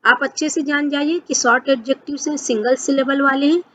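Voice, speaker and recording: A woman teacher giving a grammar lesson, who explains patiently, asks and answers her own questions, and reads example sentences slowly. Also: high voice, steady tone, fairly bright tone. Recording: dull lo-fi recording with faint noise.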